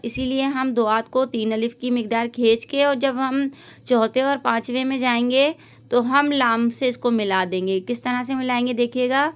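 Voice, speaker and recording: A woman teacher giving a recitation lesson to women, patiently modeling each word slowly and repeating it. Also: on the high side, clear, resonant tone.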